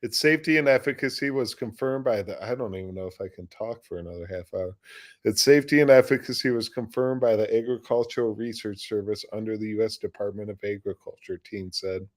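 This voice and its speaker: A hoarse man with a somewhat low voice hosts a live news stream. He reads stories aloud in a plain way and keeps breaking into rambling, casual commentary full of asides and restarts. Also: brisk. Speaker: livestream news show host.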